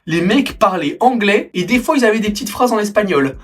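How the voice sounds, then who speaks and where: Male French film reviewer, casual and halting, prone to indignant rants. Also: sits high, lively intonation, breathy edge. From France. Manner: filler-heavy and halting, turning into an indignant rant. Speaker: film critic.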